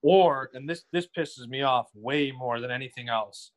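Rambling young man, casual chat. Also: mid-range voice. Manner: rambling, halting, repeats himself. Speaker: guest streamer.

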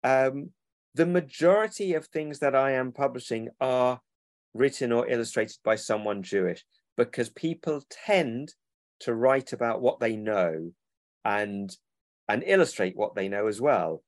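A man's voice: mid-range voice, expressive, a little slow, no room sound. A man, a children's book publisher who rambles and corrects himself in a casual interview over a remote call.

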